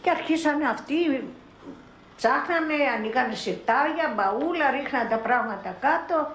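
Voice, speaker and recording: An older woman from Greece giving spoken testimony as a mother in a documentary, telling her story in halting, broken-off phrases. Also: high-pitched, animated, fairly bright tone, slight background noise. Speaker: mother recounting her son's arrest. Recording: roomy archival 1982 film sound.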